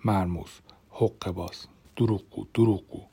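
A man reading the lines of a silent, troubled woman patient who turns on her psychiatrist, in a low, husky voice. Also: fairly even intonation, mellow, full character voice. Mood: bitter.

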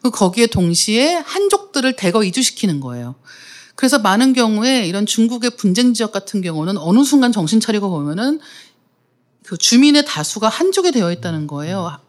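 A woman co-hosting a book talk show, explaining a book's points in a clear, engaged way. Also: medium pitch, sing-song, a little fast. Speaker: podcast co-host. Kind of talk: casual talk-show chat.

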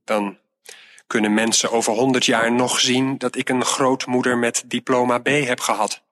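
A quietly stubborn teenage girl who answers in a low-key, dry way, voiced by a male reader. The voice stays close to the reader's own and sounds bright and clear. It is a storybook reading. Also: level tone, moderate pace, dry recording, lightly acted.

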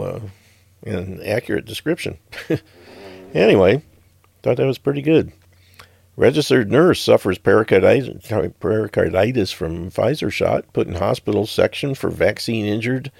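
A man's voice: lowish voice, gravelly, darkish tone, husky, no echo. A man hosting a talk show, giving casual commentary on clips he plays.

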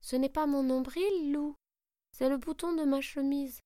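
A woman voicing a small, naive, generous gingerbread man in a storybook reading, sounding bright and innocent. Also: sits high, fairly even intonation, measured pace, no echo, clean studio sound, voice pushed up. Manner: bright, innocent, eager to please.

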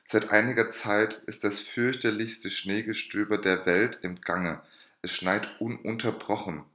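A man's voice: fairly low pitch, steady tone, measured pace, bright, forceful tone, roomy sound. A man reading aloud and voicing a freezing, desperate young student who begs urgently to be let in. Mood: pleading. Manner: urgent imploring.

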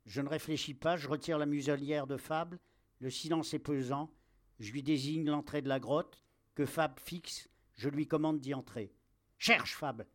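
A man telling a tense first-person story live, in short dramatic sentences. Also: fairly high pitch.

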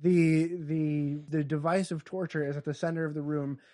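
A man's voice: a little high, little pitch movement, normal speed, dark tone. A man co-hosting a podcast, chatting casually and joking wryly while he works through comedy bits. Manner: wry, joking, acts out bits. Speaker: podcast co-host.

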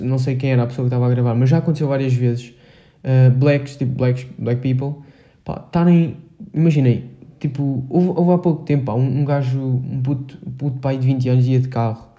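A man's voice: medium pitch, dark tone. A teenage boy with a Portugal Portuguese accent, hosting a solo podcast in a rambling, hesitant way, full of filler words and slang. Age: teens. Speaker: podcast host. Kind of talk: casual solo podcast monologue.

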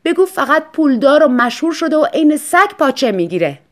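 A woman voicing a distraught, demanding rich woman writer who shouts her wants. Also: sing-song. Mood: bitter. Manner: loud, shrill outbursts.

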